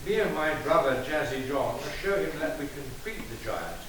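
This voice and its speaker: Man as plucky pantomime lad, earnest, animated delivery, far from the mic in a very echoey hall. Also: a little high, moderate pace, a little hiss or hum. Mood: determined. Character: plucky young pantomime hero, earnest lover. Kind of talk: stage pantomime acting.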